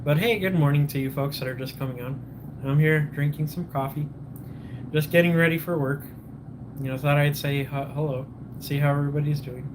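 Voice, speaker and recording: This morning livestream host has a slightly high voice, heard over background noise. Coffee in hand, he says hello to viewers and wanders from topic to topic, frequently losing track and restarting.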